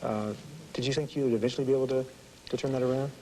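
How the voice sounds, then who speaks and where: A man interviewing someone informally, halting and rephrasing his questions as he goes. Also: mid-range voice, fairly even intonation, dark tone, slight background noise, low-quality recording.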